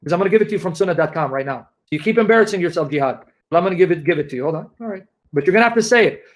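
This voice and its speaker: A man with a high, raised voice argues in a heated online debate. He pushes hard and rapid-fire, mocking and insisting without pause. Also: animated.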